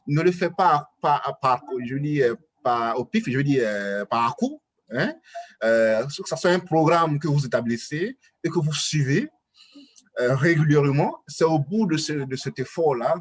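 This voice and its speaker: Hesitant Ivorian French man, higher voice. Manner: hesitant, many fillers and restarts, urging. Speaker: guest speaker. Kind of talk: webinar advice talk.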